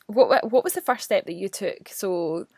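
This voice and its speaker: A woman's voice: medium pitch, expressive, slow pace, a little mellow, no echo. A woman hosts a casual interview, talking in a chatty, rambling way and laughing easily. Her voice is close and dry, with no room sound around it. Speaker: podcast host.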